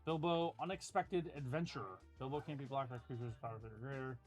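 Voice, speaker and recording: A man's voice: mid-range voice, brisk. A man hosting a live card-opening stream, announcing each pull with upbeat, brief remarks. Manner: upbeat, announcing pulls and names. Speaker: card break host opening packs. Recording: faint music behind.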